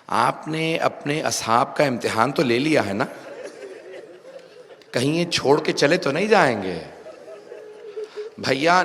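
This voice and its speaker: A man with a Pakistani Urdu accent preaching a mourning sermon, acting out the people in his story and rising from soft storytelling to loud cries. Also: mid-range voice, gravelly, in a large hall. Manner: dramatic, voices figures in quoted speech, rises to loud cries. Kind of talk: Shia majlis sermon.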